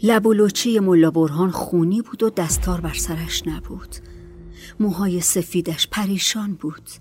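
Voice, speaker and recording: Soft-voiced woman narrating a story. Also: fairly low pitch. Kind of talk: audiobook narration. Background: faint music.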